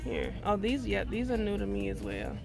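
With music in the background, this middle-aged woman chats casually as she films a store aisle on her phone, addressing viewers as "y'all." Her mid-range voice swings hugely in pitch, has vocal fry, and moves at a moderate pace.

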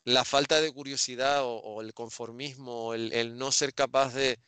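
A man's voice: mid-range voice, steady tone, normal speed, sharp tone, clean tone, dry recording. A middle-aged man from Spain interviewing a guest over a video call on a headset, talking thoughtfully with many restarts. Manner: thoughtful, trailing restarts and hesitations. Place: home room with bookshelves.

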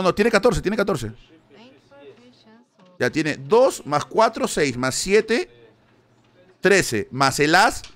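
Man, Peruvian Spanish accent, lively swooping pitch, a bit high, excitable live streamer. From Peru. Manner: excitable, thinks aloud, yelps when winning. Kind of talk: live gambling stream commentary.

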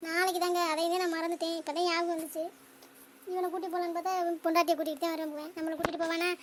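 A woman voicing a nagging middle-aged cartoon mother who grumbles and complains nonstop in a squeaky voice. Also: flat delivery, slight background noise. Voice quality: squeaky, rapid-fire complaining. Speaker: mother-in-law. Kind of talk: cartoon comedy voice acting.

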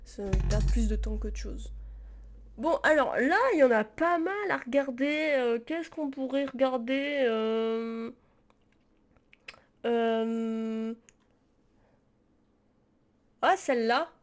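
A woman's voice: a little high, takes it slowly, long pauses. A young woman live-streaming reaction commentary, talking casually and rambling, with many fillers and frequent laughs. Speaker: streamer reacting to parody videos.

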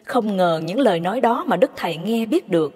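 A woman narrating devotional stories in a measured, reverent way. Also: mid-range voice, lively intonation, a little mellow, breathy edge. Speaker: storyteller. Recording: long hall reverb.

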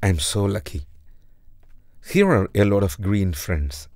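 A cheerful little sunflower seedling chirps about its new world in an eager, wondering way, as a man reads it out. The voice sits low but swings lively. The sound is close and dry. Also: a little slow, dry recording. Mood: delighted. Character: cheerful young sunflower seedling, wide-eyed.

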